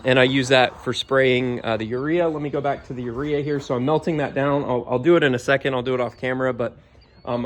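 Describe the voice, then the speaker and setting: A middle-aged man from Georgia in the US, casually walking through his homemade yard sprayer outdoors, rambling with lots of ums. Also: mid-range voice. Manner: relaxed, rambling with many ums. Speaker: home DIY vlogger. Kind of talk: casual how-to walkthrough.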